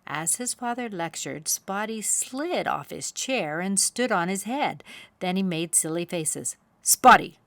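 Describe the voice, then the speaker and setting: With a lowish voice, a woman leads a children's read-aloud, narrating a picture book expressively and deliberately for young listeners. The recording is dry.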